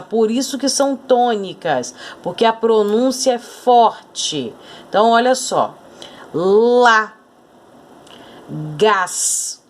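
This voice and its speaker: Uma mulher com sotaque brasileiro dá uma aula de português para crianças, falando devagar e repetindo as palavras principais. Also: female voice, medium pitch. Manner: slow, deliberate, repeats key words. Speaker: teacher. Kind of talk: Portuguese grammar lesson for children.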